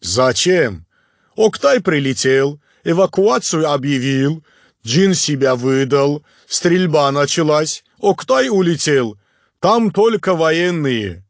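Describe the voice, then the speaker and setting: A man doing a slow, sing-song skipper, raised and lively. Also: a little high, dry recording, voice pushed up. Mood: calm. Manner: slow, drawn-out, ends phrases with a questioning "da?". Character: big cheerful good-natured man, boat skipper. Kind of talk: audiobook character voice.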